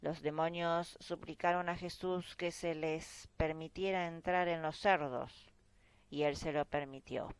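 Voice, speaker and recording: A woman reading a Bible chapter aloud in a slow, measured way. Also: low voice, fairly even intonation, smooth, no echo, low-quality recording. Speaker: Bible reader. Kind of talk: scripture reading.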